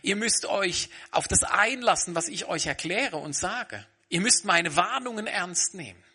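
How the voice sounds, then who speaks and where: A man's voice: sits high, lively intonation, unhurried, bright, forceful tone, slightly rough. A man preaching a sermon, talking earnestly and straight to his congregation. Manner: earnest, addresses congregation directly. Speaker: pastor.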